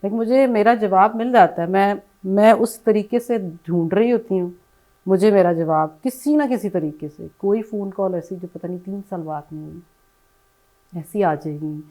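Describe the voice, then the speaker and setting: A middle-aged woman answering interview questions in a soft, reflective way, often falling to a hush and slipping in English phrases. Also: mid-range voice, low-quality recording. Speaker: bereaved mother, interview guest.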